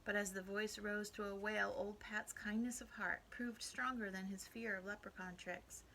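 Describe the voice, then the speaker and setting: Bright woman teacher reading aloud. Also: medium pitch, moderate pace, creaky, a little hiss or hum, low-quality recording. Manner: expressive, asks the listeners questions. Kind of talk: read-aloud storytelling for children.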